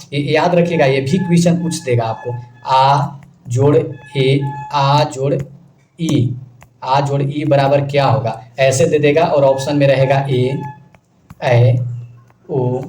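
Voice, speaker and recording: A man teaching an exam-prep grammar lesson, who keeps quizzing his listeners and asking if it is clear. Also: medium pitch, a little mellow. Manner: repeats questions to the class, often asks "clear?". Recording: echoey room with faint noise.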